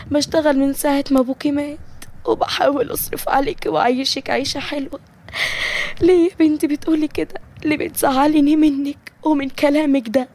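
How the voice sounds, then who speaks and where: A woman's voice: high voice, darkish tone, voice pushed up. A woman voicing a hurt middle-aged mother who is crying and pleading, with an Egyptian accent. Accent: Egyptian Arabic. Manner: pleading, wounded.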